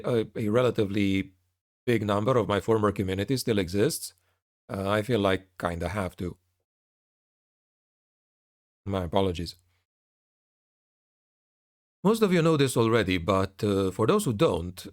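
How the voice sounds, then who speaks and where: A man speaking casually to his viewers as a channel creator, in a hesitant, rambling, somewhat frustrated way. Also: lowish voice. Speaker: YouTube narrator and channel creator. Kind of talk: casual spoken update to viewers.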